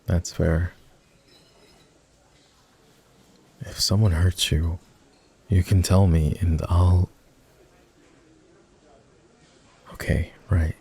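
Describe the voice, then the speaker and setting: A male actor voices a remorseful ex-boyfriend turned office boss in an ASMR romance roleplay, an intimate scripted monologue. His mellow, husky, gravelly low voice is tender, soft, and halting, with a confessional feel and a gently teasing mood. The delivery is flat, though he stays fully in character.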